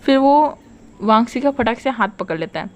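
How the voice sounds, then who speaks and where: A woman's voice: fairly high pitch, expressive, moderate pace. Casual woman narrating a fan story. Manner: casual, conversational retelling.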